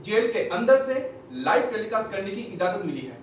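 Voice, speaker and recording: A man's voice: high-pitched, very animated, normal speed, slight background noise. An actor on stage playing a male TV reporter, who speaks formally and proudly stresses his channel's scoop. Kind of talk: stage play acting. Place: theatre stage. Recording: echoey hall, captured from far off.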